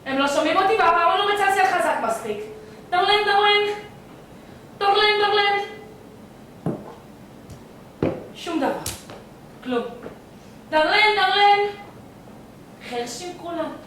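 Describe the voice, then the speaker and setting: A woman playing a fussy, bossy hypochondriac older man in a stage play, complaining and shouting at his servant. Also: very high-pitched, lively intonation, a little hiss or hum. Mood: whiny. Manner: shouting, complaining, calling out repeatedly. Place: theatre stage. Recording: echoey stage audio from far off.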